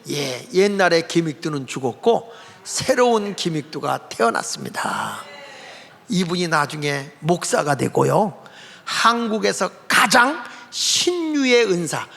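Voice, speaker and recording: A male pastor telling a story in a sermon, animated and acting out the characters' voices. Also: high-pitched, gravelly, in a large hall. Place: church sanctuary.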